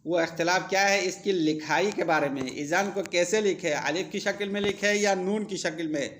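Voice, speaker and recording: A man's voice: high voice, a bit bright, slight background noise. A male seminary teacher gives a classroom lecture. He reads Arabic text aloud, explains each line, and asks the students questions.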